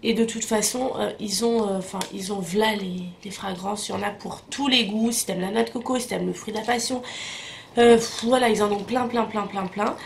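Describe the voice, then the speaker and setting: A woman's voice: medium pitch, fairly even intonation, moderate pace, creaky. Chatty woman vlogger with faint hiss. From Morocco. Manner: chatty, many fillers and repeated words. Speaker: beauty vlogger. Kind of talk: casual product review.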